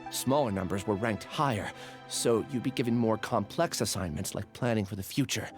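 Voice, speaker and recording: A man's voice: on the low side, normal speed, over music, close to an everyday voice. An actor playing an earnest, troubled man who was a test subject, in a video game. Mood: earnest, explanatory. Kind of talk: video game dialogue acting.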